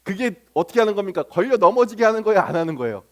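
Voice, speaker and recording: A man's voice: high voice, very animated, very fast, fairly bright tone. A male pastor preaching a sermon. He keeps asking the congregation questions, answers them himself, and acts out little everyday scenes. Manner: acts out remarks of church members and strangers in little sketches.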